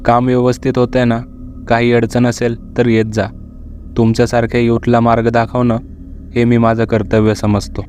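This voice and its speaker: A man voicing a calm older office mentor. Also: medium pitch, moderate pace, a little hiss or hum, natural voice. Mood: reassuring. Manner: calm, steady and kind.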